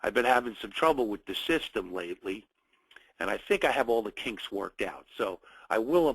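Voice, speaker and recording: Nursing a cold that gives him a slight nasal sound, an American man hosts a live trading webinar, welcoming people with short, filler-laden phrases. His medium-pitched voice is fairly bright and a bit rough. The rough recording has no echo.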